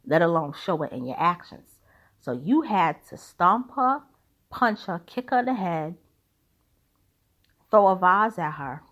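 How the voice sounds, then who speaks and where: A woman's voice: on the low side, a bit bright. A woman giving casual, opinionated commentary in an emphatic, blunt, colloquial way.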